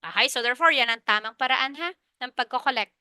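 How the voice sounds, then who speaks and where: A woman's voice: sits high, quick pace, pushed and bright, clear, resonant tone, no echo. A woman with a Filipino accent giving a review lecture, asking questions and answering them herself and repeating the key points. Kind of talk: review lecture mixing Tagalog and English.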